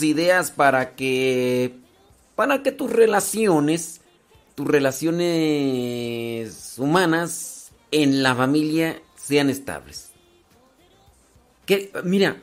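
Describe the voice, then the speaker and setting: A man with a Mexican Spanish accent chatting casually as a host, giving family and marriage advice with jokes and rhetorical questions. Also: on the high side. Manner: chatty, joking, rhetorical questions, many restarts.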